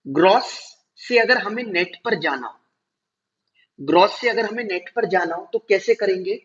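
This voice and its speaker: A male teacher giving a classroom lecture, explaining step by step, slowing down to spell out terms and checking whether students follow. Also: high voice, fairly bright tone. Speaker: commerce teacher. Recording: dull lo-fi recording.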